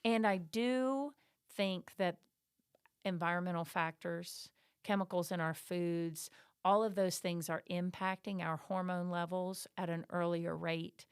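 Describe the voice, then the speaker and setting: A woman's voice: on the low side, fairly even intonation, measured pace, clean tone, dry recording, clean studio sound. A middle-aged woman co-hosting a podcast, talking in a chatty, emphatic way. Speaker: podcast co-host. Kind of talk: casual podcast chat.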